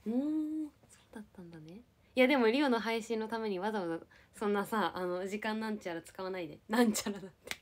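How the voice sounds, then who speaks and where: Talking fast at a medium pitch, a young Japanese woman hangs out with her livestream viewers. She's giggly and light as she works through their comments.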